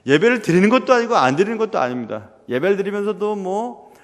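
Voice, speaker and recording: A young man preaching a sermon as pastor, earnest and full of rhetorical questions, sometimes dropping to a hush. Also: high voice, sing-song, fast. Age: young adult. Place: church sanctuary. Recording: long reverb of a church hall.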